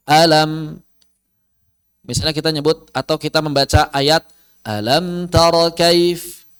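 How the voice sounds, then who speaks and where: Brief: high-pitched male tajwid teacher, online class, quizzes his students and draws out the letters. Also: fairly bright tone. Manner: explains with repeated questions to students, drawn-out recited letters. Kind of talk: online recorded class lesson.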